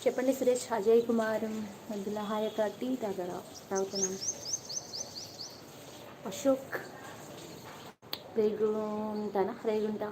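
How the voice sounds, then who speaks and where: Woman vlogger, casual live-stream host, soft and chatty, teasing viewers, noisy phone audio. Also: medium pitch, fairly even intonation, unhurried, long pauses. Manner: chatty, greets viewers and reads their comments aloud, playful teasing.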